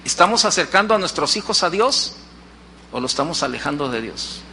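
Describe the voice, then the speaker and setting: Male preacher with a high voice, church sermon, repeats his points. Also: sing-song, a little fast, vocal fry, pushed and bright, slight background noise. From Mexico. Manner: repeats key phrases, acts out the people in his stories. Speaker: pastor. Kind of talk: sermon with storytelling.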